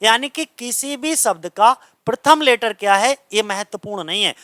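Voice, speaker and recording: A man's voice: high voice, lively intonation, normal speed, pushed and bright, dry recording, clean studio sound. A man from India teaching a grammar lesson in a coaching class, explaining patiently, repeating points and checking that students follow.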